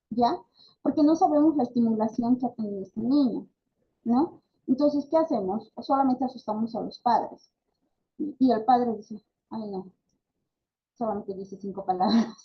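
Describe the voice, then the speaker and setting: A woman's voice: on the high side, muffled recording. A woman with a Bolivian Spanish accent giving a speech therapy class, talking conversationally with many fillers and tag questions. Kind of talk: online class lecture.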